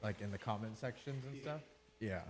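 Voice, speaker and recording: A man's voice: lowish voice, fast. A man hosting a casual call-in interview, talking in a laid-back, joking way into a room mic. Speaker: host. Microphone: room mic with reverb. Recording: long reverb from a room mic.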